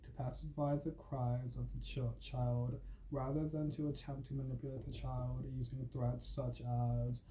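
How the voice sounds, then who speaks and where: The host's voice is medium-pitched, level, and mellow, moving at a normal pace with few pauses, though the audio is poor and has slight background noise. He talks casually to viewers, then reads a school assignment aloud, tripping over words, restarting, and repeating "like" and "freaking."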